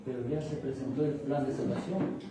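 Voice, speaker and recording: A male minister giving a sermon, preaching in a drawn-out way and often asking the crowd "right?". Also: medium pitch, steady tone. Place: church hall. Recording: echoey church hall, far from mic, noisy.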